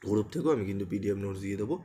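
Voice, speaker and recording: A man's voice: lowish voice, very fast, warm tone, slight background noise. A man teaching an exam-prep lesson to students, often checking in with rhetorical questions and repeating key points. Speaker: exam tutor.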